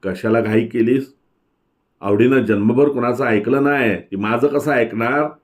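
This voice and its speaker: A man voicing a shrewd village woman who turns frightened and begs for mercy, in a high, pleading voice. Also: unhurried, lightly acted. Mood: curt.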